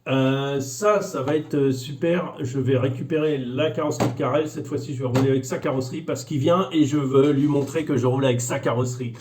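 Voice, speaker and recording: A man chatting casually to his viewers as a hobby vlogger, rambling with many fillers and restarts, his pitch often jumping up. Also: fairly even intonation, fairly quick, hardly any pauses, noisy background.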